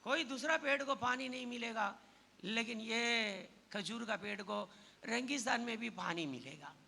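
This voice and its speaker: High gravelly-voiced preacher in a reverberant hall. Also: male voice, measured pace. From southern India. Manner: preaching with repeated hallelujahs, rising to shouts. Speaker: pastor. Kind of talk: sermon. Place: church hall. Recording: long church hall reverb with faint noise.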